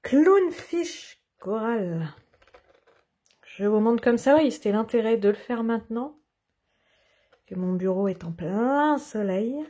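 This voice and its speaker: A woman with a slightly husky voice talks through her craft in a relaxed, chatty way. She explains step by step, filling pauses with small hesitations. It is a casual tutorial recorded at her desk at home. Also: fairly high pitch. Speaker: watercolor craft vlogger.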